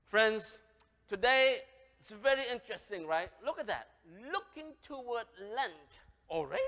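A Cambodian-accented pastor in his thirties, whose first language is Khmer, preaches a lively sermon in a large church sanctuary, swinging from loud exclamations to soft words while gesturing animatedly. His voice is very high, captured on a headset mic with long hall reverb.

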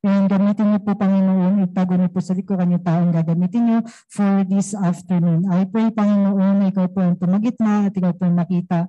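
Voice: medium pitch, flat delivery, a little fast, dark tone, in a large hall, dull audio. A speaker with a Filipino accent opening a youth fellowship and leading an earnest prayer. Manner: earnest, mixing English and Tagalog.

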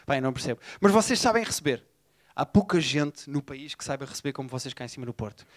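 A man from Portugal with a Lisbon accent, performing an animated, profane stand-up set and riffing with the crowd. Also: medium pitch, fast. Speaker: stand-up comedian. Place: comedy bar before a live audience. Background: audience laughter.

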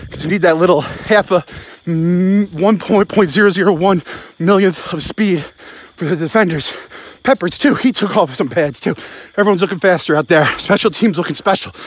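A high-pitched man in his forties, a sports vlogger and football fan, rambles to camera in a blunt, sweary postgame rant made of short emphatic bursts. He walks outdoors at night holding the phone close, and there's no echo.

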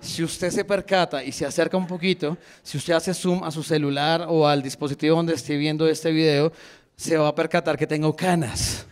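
A man in his thirties with a Bogotá Colombian accent doing an animated stand-up routine in a comedy bar, jumping into high voices for characters. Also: normal speed, smooth. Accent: Bogotá Colombian Spanish. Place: comedy bar stage with live audience. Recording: live crowd laughter behind.

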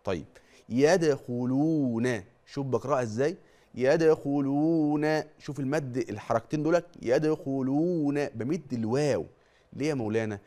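A man's voice: medium pitch, darkish tone. A man with an Egyptian accent teaching Quran recitation on a religious TV lesson, asking questions and answering them himself. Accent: Egyptian Arabic. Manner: draws out example words slowly to demonstrate.

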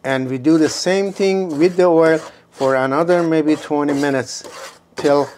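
A man in his sixties with a Persian accent, explaining a home cooking recipe step by step in an unhurried way from his kitchen. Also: fairly high pitch, a little mellow, slight background noise. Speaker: cooking show host.

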